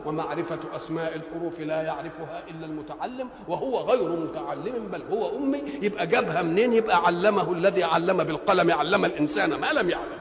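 High-voiced Egyptian preacher in an echoing hall. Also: male voice, fast talker, hardly any pauses, over a noisy crowd. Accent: Egyptian Arabic. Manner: rhetorical questions the listeners answer. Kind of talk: religious lecture explaining scripture. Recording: roomy hall with long reverb.

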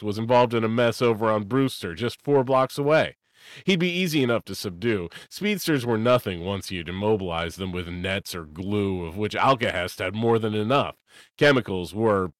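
A man narrating a story expressively, lifting his pitch for emphasis. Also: no room sound, studio quality.

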